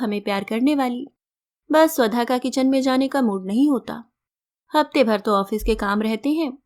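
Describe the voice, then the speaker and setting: A woman storyteller reading a first-person story aloud in a gentle, reflective, measured way. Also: on the high side.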